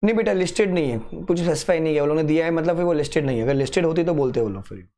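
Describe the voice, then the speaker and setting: A man's voice: on the high side, animated, racing, warm tone. A man with an Indian accent teaching an online live quiz lesson in mixed Hindi and English, teasing and scolding students fondly and repeating key words. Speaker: online exam-prep teacher.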